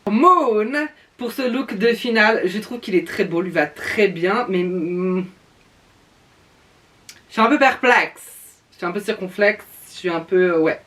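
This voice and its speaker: A man's voice: high voice, animated, a little slow, sharp tone, distant mic. A man giving casual reaction commentary on fashion looks with campy, theatrical drag-queen flair, sprinkling in pet names and English slang. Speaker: reviewer giving opinions on a televised drag competition.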